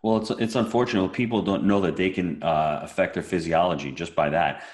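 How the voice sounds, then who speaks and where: Fast-talking deep-voiced man. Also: fairly even intonation. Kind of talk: casual podcast conversation.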